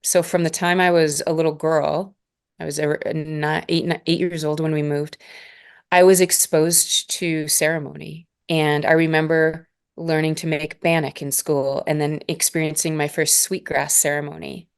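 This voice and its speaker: A woman from Northern Alberta, Canada, appears as a podcast guest and spiritual mentor in a reflective interview conversation. Her low, smooth voice has a flat delivery, and she speaks slowly and thoughtfully, with measured, spiritual phrasing and pauses.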